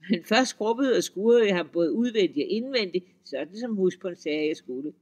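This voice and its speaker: A man's voice: high-pitched, lively intonation, a little mellow. A man voicing a sly young farmhand who answers politely and innocently, read in a folk-tale audiobook. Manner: mild, polite, mock-innocent.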